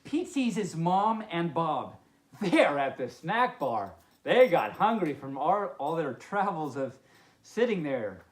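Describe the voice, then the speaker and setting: Taking it slowly, a woman with a low voice and big pitch swings reads a storybook expressively as a friendly pup at a children's story time. She adds chatty, playful, amused asides, and the indoor sound is roomy and echoing.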